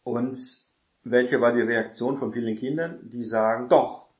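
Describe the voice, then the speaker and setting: A man preaches in a loose, talky way, ending many sentences with a questioning "ne?" and correcting himself as he goes. His voice sits at an ordinary middle pitch. The sound rings around a roomy, echoing space. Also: fairly even intonation, a little slow, highs cut off. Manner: rambling, tags sentences with "ne?"; self-correcting, searches for words. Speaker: preacher teaching on parenting. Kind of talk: informal sermon.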